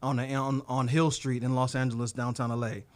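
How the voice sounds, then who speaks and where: A man speaking as a guest on a podcast, earnest and reflective, often pausing with um and framing his work in terms of faith. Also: mid-range voice, level tone, darkish tone, no room sound. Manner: many thinking pauses with um. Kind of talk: casual podcast interview.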